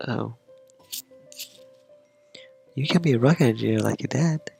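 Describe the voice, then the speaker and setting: A man voicing a patient mother who explains things softly, as he reads a game's dialogue aloud. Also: mid-range voice, unhurried, vocal fry, breathy edge, faint music behind, exaggerated voice. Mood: gentle. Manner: soft, reassuring.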